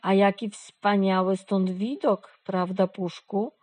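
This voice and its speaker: A woman's voice: medium pitch, steady tone, slow, a little mellow. A woman doing Prążek, an eager young kitten. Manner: coaxing and enthusiastic.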